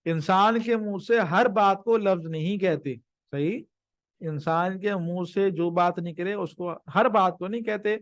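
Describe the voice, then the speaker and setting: A teacher gives a live grammar lesson, explaining patiently, slowing down to stress each word of a definition, and repeatedly checking in with listeners. His voice sits high, and the recording is dry.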